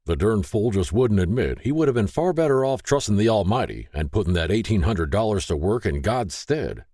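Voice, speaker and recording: A man voicing a gruff, devout rural father who blusters in a folksy way. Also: fairly low pitch, very animated, a little fast, mellow, no echo, studio quality, voice pushed up. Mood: angry. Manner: folksy hollering with country sayings.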